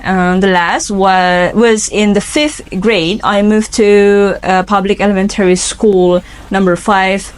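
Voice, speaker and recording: Speaking in a mid-range, steady voice that is clear and resonant, a twenty-something Indonesian-accented woman responds to interview questions for an English speaking task. Her manner is earnest and careful, with filler-laden pauses.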